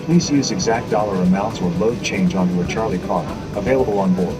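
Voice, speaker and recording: A man giving a recorded transit notice over the bus intercom, flat and informational. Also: fairly low pitch, fairly quick, over music, low-quality recording. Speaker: transit announcer. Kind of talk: recorded public announcement.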